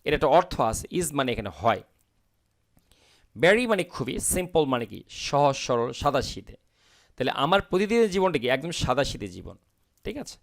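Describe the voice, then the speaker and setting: Lively-voiced man teaching English step by step. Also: mid-range voice, vocal fry. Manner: reads English lines very slowly, often asks and answers his own questions; often ends with a rising "okay?". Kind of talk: explaining English lessons in Bengali.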